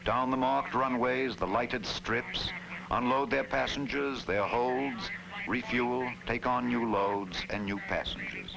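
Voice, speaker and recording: A man reading scripted, poetic documentary narration in a solemn, grand, oratorical manner with dramatic pauses. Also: medium pitch, animated, gravelly, heavy background noise. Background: loud music.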